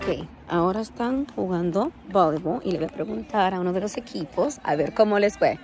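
A woman's voice: medium pitch, lively intonation, brisk, music in the background, crowd noise. A young woman filming a camp outing on her phone outdoors, chatting casually and cheering people on with frequent laughs. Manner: cheers players on, laughs often. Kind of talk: casual camera commentary, mixing Spanish and English. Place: outdoors at a forest camp, grassy field. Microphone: phone camera held by the speaker.

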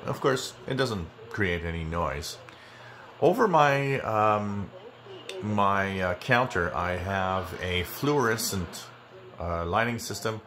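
A man with a fairly low voice talks viewers through a demonstration in a casual, conversational way. He explains things as a channel host, recorded at home with radio static and chatter behind him. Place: indoors in a home kitchen.

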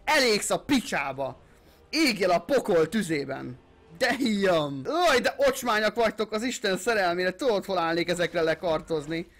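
In high-voiced let's play commentary, a young man running a gaming channel pumps himself up, drops swear words, and borrows English gamer phrases. Fights bring out his hyped-up shouting.

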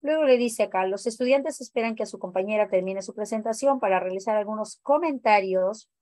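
A woman's voice: mid-range voice, fairly quick, darkish tone, no echo. A woman teacher leading an online training class, explaining exam answers and asking the group questions. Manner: questioning, explanatory, many fillers.

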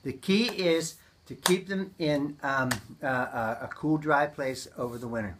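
A man's voice: on the high side, a little slow, background noise. A man giving a casual, hands-on gardening demonstration, talking in a chatty, folksy way with lots of ums and uhs. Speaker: gardening teacher.

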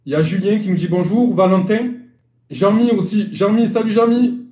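Casting: male sailing coach, Marseille accent, somewhat high voice, rambling and friendly live-stream delivery, echoey room. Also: normal speed, mellow. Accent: Marseille French. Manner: chatty, rambling, repeats and restarts. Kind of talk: casual live-stream lesson. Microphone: live-stream phone or webcam.

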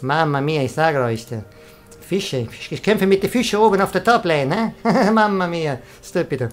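A woman's voice: fairly low pitch, expressive, moderate pace, faint music behind, natural voice. A woman putting on a mock Italian tough guy, grumbling in an exaggerated sing-song way with fake Italian exclamations.

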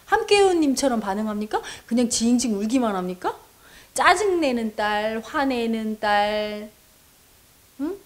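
A woman's voice: on the high side, sing-song, unhurried. A woman meditation teacher counseling a viewer, talking straight to her with earnest, coaxing prompts. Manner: addresses the listener directly with coaxing prompts; earnest, persuasive, acts out quoted voices. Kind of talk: counseling talk answering a viewer's question.

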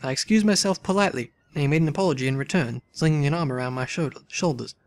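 A man hosting a let's play, reading the game's story text aloud and adding wry, relaxed asides. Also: a little high, quick pace, dry recording.

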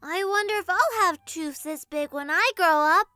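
A woman's voice: very high voice, expressive, normal speed, sharp tone, no room sound, studio quality, faint music behind, full character voice. A woman voicing a tiny, innocent, cheerful girl kitten with a childlike manner in a comic dub. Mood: curious. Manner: childlike, wide-eyed.

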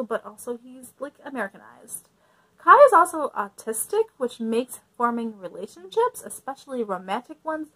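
A woman's voice: medium pitch, a bit bright, low-quality recording. A young woman talking casually through a book review, friendly and chatty, with frequent ums and likes.

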